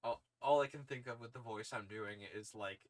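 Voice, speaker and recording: A man's voice: on the low side, normal speed. A man reading a story aloud on a stream, moving between narration and casual asides.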